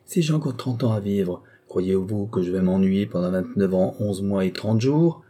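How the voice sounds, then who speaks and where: Man reads a booming, husky old squire, indignant bluster, audiobook. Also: animated, normal speed. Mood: defiant, insolent. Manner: loud, blustering, exclamatory. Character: boisterous hearty older country gentleman, man.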